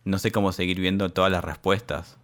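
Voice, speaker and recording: A man's voice: sits low, a little fast. A young man with an Argentine Rioplatense accent, co-hosting a casual chat and animatedly reading a social media thread aloud, laughing often. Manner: animated, laughs often, acts out quoted lines. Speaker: podcast co-host.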